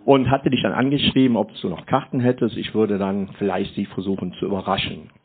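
A man's voice: on the low side, fairly even intonation, a little fast. A man from the audience invited on stage, answering in brief, modest replies in casual chat. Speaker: audience guest. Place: hall with a live audience. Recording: muffled phone-like live recording.

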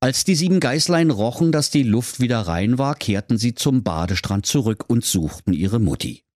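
A man narrating a comic fairy tale in a playful, expressive storytelling manner. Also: mid-range voice, moderate pace, no echo, studio quality.

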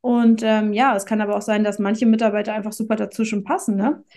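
As a guest on an interview, a marketing company's managing director explains things informally, going through examples and tacking on tag questions. She talks fast in a warm, medium-pitched voice with little pitch movement.

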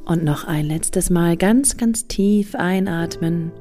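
Woman softly guiding meditation, close in the ear. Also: lowish voice, slow. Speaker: meditation guide. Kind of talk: guided meditation. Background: soft music.

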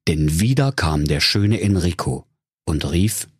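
A man's voice: low voice, lively intonation, measured pace, breathy edge, dry recording, clean studio sound. A man telling a comic fairy tale in a playful way. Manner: playful, with wide swings in tone. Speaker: storyteller.

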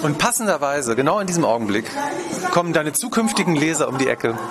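A man's voice: fairly high pitch, very animated, fast talker, a crowd in the background. A man talking casually as an interviewer and co-host.

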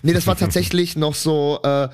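A man's voice: on the high side, steady tone, moderate pace, darkish tone. A man co-hosting a comedy podcast in casual chat, rambling and slangy with crude humour.

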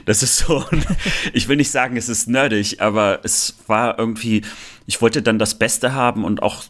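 This podcast co-host is a man from the former Soviet Union with a fairly low, slightly bright voice and a moderate pace. He chats casually, full of fillers and restarts.

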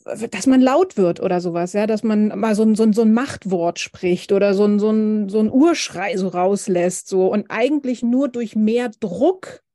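A woman in her thirties, a family counselor, talking in a casual podcast conversation, thoughtful and halting with many restarts. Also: mid-range voice, dark tone, dry recording, clean studio sound.

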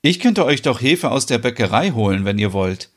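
A man's voice: medium pitch, sing-song, normal speed. A man playing a friendly, eager young man who works at a bakery, in a podcast soap opera.

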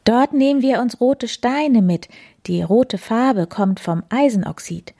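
A woman's voice: on the high side, takes it slowly, dark tone, breathy edge, pitched above the performer's own voice, exaggerated voice. A woman voicing a small, curious male raccoon in a children's story. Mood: cheerful.

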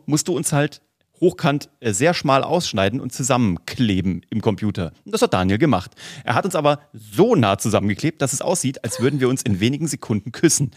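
A man co-hosting a marketing podcast, telling stories lively and laughing often. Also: medium pitch, no room sound, studio quality. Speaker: podcast co-host. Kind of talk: casual podcast chat.

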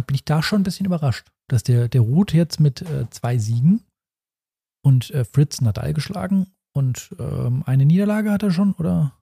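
A man's voice: a little high, creaky, warm tone, slightly rough, no echo, studio quality. A man co-hosting a casual podcast chat, giving opinions and thinking aloud with many fillers. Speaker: podcast co-host.

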